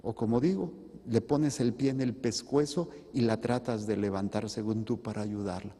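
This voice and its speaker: A man's voice: on the low side, moderate pace, mellow, big-room sound. A man, a priest giving a conversational sermon with jokes and acted asides.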